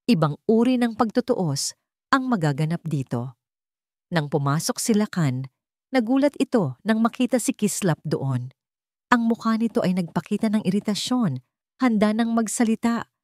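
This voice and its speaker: A woman with a Filipino accent narrates a scripted dramatic story. Her fairly low, slightly mellow voice is captured in a clean studio recording with no room sound.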